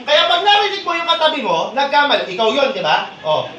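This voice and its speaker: A man's voice: extremely high pitch, very animated, fairly quick, noisy background. A man leading a live training seminar, teasing and quizzing his audience in call-and-response. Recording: echoey hall, distant mic, audience murmur.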